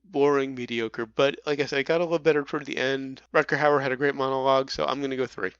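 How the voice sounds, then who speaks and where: A man's voice: mid-range voice, fairly even intonation, fast talker, a bit bright, clear, resonant tone, no echo, muffled recording. A man co-hosting a casual movie review podcast, chatty and prone to stumbling over his words. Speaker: podcast co-host.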